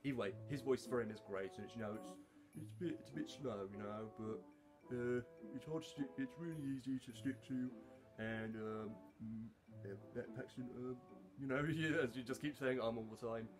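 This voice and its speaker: A man's voice: medium pitch, moderate pace, music in the background. A man chatting casually to camera as a fan voice actor, rambling and self-deprecating.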